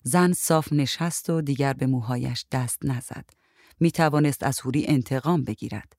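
A woman reading a short story aloud in a calm, even narrating voice. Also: extremely low pitch, dry recording, studio quality.

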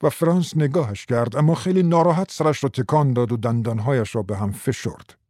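A man narrating a novel as an audiobook, in a steady, expressive storytelling manner. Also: mid-range voice, no echo, studio quality.

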